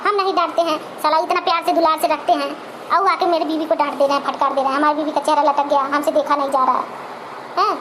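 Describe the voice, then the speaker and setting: A very high, quick cartoon voice for a protective young husband, as a woman plays him. He rattles on in his wife's defense. There is a noisy hiss behind the voice. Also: flat delivery, a bit bright. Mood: reassuring. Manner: reassuring, indignant. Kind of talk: cartoon comedy voice acting. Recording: noisy amateur recording.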